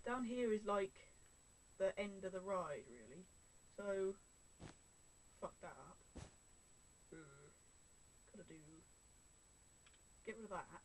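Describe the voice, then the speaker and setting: A young host giving casual gameplay commentary, rambling with many fillers and often trailing off into mumbles. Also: mid-range voice. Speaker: gaming channel host. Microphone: webcam mic. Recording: noisy, with controller clicks.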